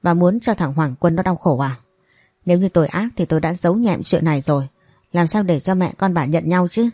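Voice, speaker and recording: A woman playing a cold, self-justifying older man in an audio story, brushing off every accusation. The voice is low and husky, with a dry closeness. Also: a little fast, mellow, no room sound, natural voice. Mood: dismissive, defensive. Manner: dismissive, defensive.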